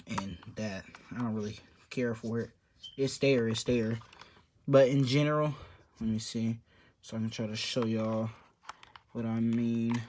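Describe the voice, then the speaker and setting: A man's voice: mid-range voice, a little mellow, a little hiss or hum. A young man in a casual show-and-tell vlog, rambling offhandedly about his papercraft build and trailing off mid-sentence. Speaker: papercraft hobby vlogger.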